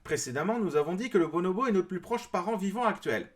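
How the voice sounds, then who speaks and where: High-voiced man giving sarcastic rebuttal. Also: expressive, fast. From France. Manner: explanatory, mildly sarcastic. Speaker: video creator responding to a clip. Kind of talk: critical commentary rebuttal.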